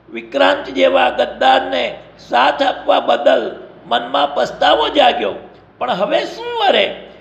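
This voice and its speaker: Brief: male storyteller, very high and gravelly, slow and deliberate, lo-fi. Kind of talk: scripted adventure narration.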